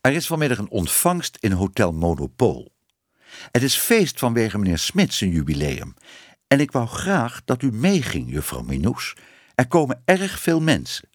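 A man's voice: mid-range voice, huge pitch swings, normal speed, no room sound, clean studio sound. A man voicing a polite, earnest young man offering a gift and an invitation.

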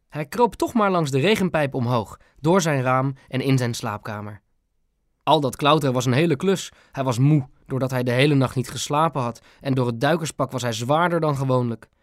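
A man narrating a children's book in a calm, clear storytelling manner. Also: medium pitch, no echo, clean studio sound. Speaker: audiobook narrator.

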